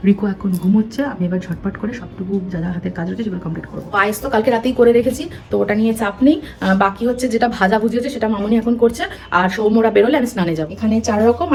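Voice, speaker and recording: Fast-talking young Bengali woman vlogger. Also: mid-range voice, darkish tone. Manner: chatty, quick, mixes English words into Bengali. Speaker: vlogger, mother of the baby. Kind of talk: casual vlog narration to camera.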